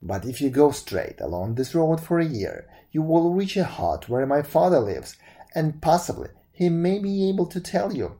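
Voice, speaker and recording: A storyteller voicing a very old man at a hut, giving plain, unhurried directions. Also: mid-range voice, big pitch swings, mellow. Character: very old man, helpful hermit.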